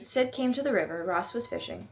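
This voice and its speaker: Gentle woman reading a picture book. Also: medium pitch, huge pitch swings, fairly quick. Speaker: storyteller. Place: at home on a couch.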